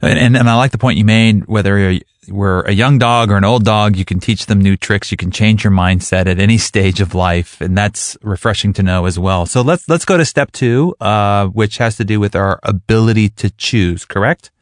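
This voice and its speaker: A man's voice: on the low side, moderate pace, hardly any pauses, no echo, studio quality. A man interviewing a guest in a conversational way, with fillers and restarts. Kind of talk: interview questions.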